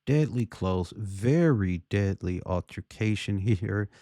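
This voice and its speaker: A man giving casual opinion commentary on a video, deliberately, often checking for agreement with rhetorical questions. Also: lowish voice, lively intonation, mellow, no echo, studio quality.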